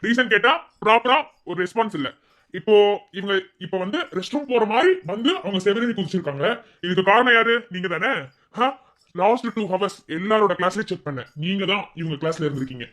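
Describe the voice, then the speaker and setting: Guy voicing a bossy cartoon principal, very high, rapid nagging. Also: lively intonation, bright, forceful tone. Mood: stern. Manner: lecturing, scolding. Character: strict scolding male college principal.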